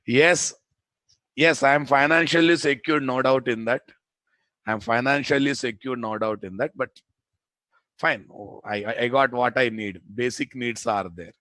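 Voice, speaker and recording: This man's mid-range voice is bright and forceful, with fairly even intonation and a moderate pace, and there's no echo. He's a programming instructor with a Telugu Indian accent leading a live class, joking casually with students and repeating questions and phrases to drive points home.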